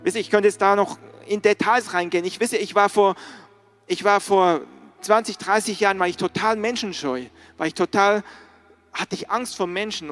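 A man's voice: high voice, a bit bright. A middle-aged man preaching a sermon as pastor, earnestly putting direct questions to the congregation.

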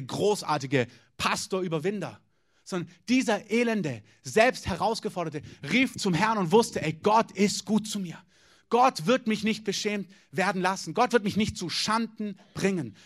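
A man's voice: high voice, a bit bright. A man preaching a sermon as pastor, talking directly and informally to the congregation with many questions.

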